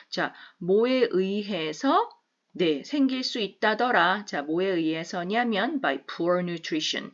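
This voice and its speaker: A woman hosting an English lesson, explaining phrases and repeating them slowly for learners. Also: lowish voice, highs cut off. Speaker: English teacher.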